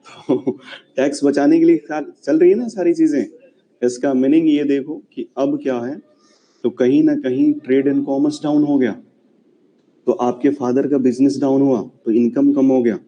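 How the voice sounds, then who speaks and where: A man's voice: medium pitch, steady tone, normal speed, warm tone, highs cut off, slight background noise. A man lecturing a classroom on history, chatty and often checking whether students follow. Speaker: history teacher.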